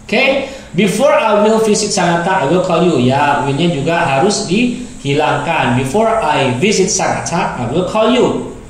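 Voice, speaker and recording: A man's voice: on the high side, very animated, a little slow. A male teacher giving a grammar lesson, explaining patiently and repeating and rephrasing his examples. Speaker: English teacher. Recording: very echoey room.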